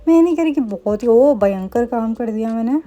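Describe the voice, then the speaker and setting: A young woman talks quickly and playfully in a casual vlog, poking fun at herself as she goes. Her voice sits a little high but sounds mellow and warm. Faint music plays underneath. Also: lively intonation. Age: young adult. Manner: fast, chatty talker; self-mocking, playful asides. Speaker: medical student vlogger. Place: student hostel room.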